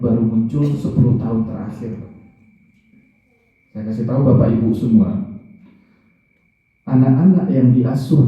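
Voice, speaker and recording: Middle-aged male preacher, anecdotal and direct; tinny, narrow-band sound. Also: mid-range voice. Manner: conversational, anecdotal, addresses audience directly. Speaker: Islamic preacher. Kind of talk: religious study talk. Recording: distant, echoey, phone-like.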